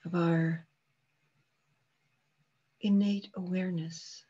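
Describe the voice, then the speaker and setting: A woman who teaches meditation guides a session in a calm, unhurried way, letting long silences fall between brief phrases. Her voice sits fairly low and has a slight roughness, and the high frequencies are cut off.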